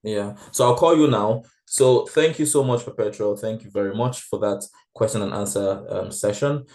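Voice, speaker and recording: A man's voice: on the low side, moderate pace, a little mellow. Hesitant man rehearsing as event host. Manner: hesitant, checking details. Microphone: video call.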